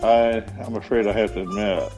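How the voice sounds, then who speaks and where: Slow, animated male guest who laughs often, with faint music behind. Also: medium pitch. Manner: hesitant, laughs between words. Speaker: podcast guest. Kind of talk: casual group chat.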